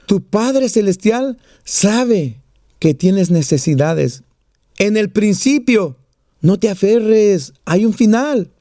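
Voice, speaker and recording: Guy preaching, high voice, jokes around, dry close sound. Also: animated, takes it slowly, dark tone, no echo. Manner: joking storyteller, plays out little voices. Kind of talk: sermon.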